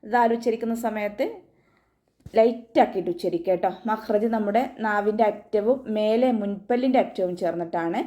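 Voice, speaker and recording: Mellow-voiced woman teaching recitation. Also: mid-range voice, moderate pace. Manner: calm step-by-step instruction with frequent tag questions. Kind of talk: online tajweed lesson.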